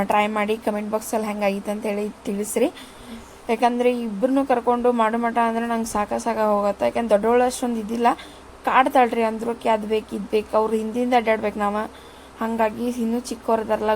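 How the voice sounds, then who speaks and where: A woman vlogger chats casually to viewers while cooking in her home kitchen, rambling along and calling them "ri". Her voice is medium-pitched with a darkish tone, and the rough recording has slight background noise.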